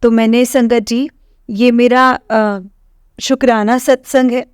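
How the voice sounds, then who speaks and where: A woman's voice: a little high, flat delivery, takes it slowly, clear, resonant tone, no echo, clean studio sound. A woman from Punjab with a Punjabi accent, earnestly and emotionally sharing her devotional testimony with the congregation, repeating her phrases. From Punjab, India.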